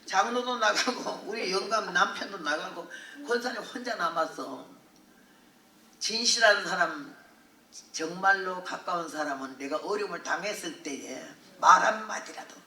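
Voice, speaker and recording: A woman's voice: on the low side, moderate pace. Older woman preacher, earthy storytelling. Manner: earthy, animated storytelling with laughter. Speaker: missionary preacher. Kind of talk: revival sermon testimony. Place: large hall at a prayer retreat. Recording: echoey hall, voice from far off.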